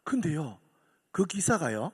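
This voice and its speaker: A man's voice: a little high, very animated, unhurried, husky. A male pastor with a Gyeongsang accent, telling a story in a sermon and building to emphatic calls to the congregation. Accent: Gyeongsang Korean. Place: church sanctuary. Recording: long hall reverb of a church.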